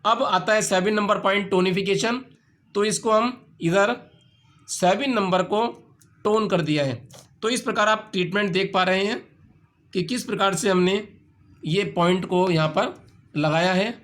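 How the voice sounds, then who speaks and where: A man's voice: sits high, unhurried, fairly bright tone. A man teaching an acupressure treatment, explaining each step patiently and repeating the points. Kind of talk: instructional demonstration.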